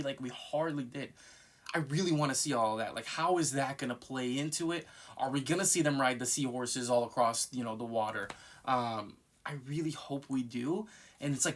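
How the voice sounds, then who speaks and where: A man's voice: mid-range voice, a bit bright. A man giving casual, unscripted fan commentary in a nervous, rambling way, circling back and repeating himself.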